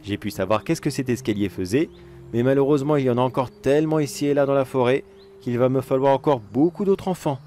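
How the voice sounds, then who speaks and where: A man's voice: mid-range voice, fast talker, warm tone, a little hiss or hum. A man telling an acted first-person horror story in a coaxing, wheedling voice that turns sinister.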